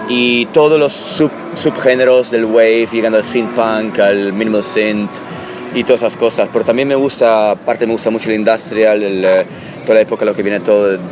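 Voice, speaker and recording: A man born in Italy, a musician answering interview questions in a halting, thoughtful way with many restarts. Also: on the low side. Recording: loud music behind. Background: loud music.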